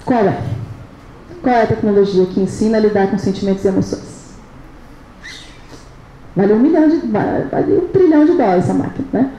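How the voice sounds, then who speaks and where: A woman's voice: medium pitch, brisk, pauses often, mellow. A woman with a Brazilian Portuguese accent gives a live lecture at a leadership event. She keeps checking in with the audience through rhetorical questions. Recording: echoey hall with faint noise.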